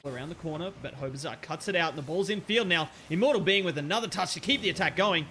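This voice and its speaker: A man casting an online car-soccer match with excitable play-by-play commentary, breaking into laughter and jumping up on near misses. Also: a little high, quick pace, a little hiss or hum. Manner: excitable, laughs at plays, rises sharply on chances. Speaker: esports caster.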